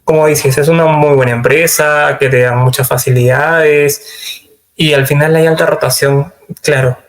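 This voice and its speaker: Male interview host; measured, agreeable, narrow flat intonation. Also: a little high. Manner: agreeable, measured, asks questions. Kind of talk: interview conversation.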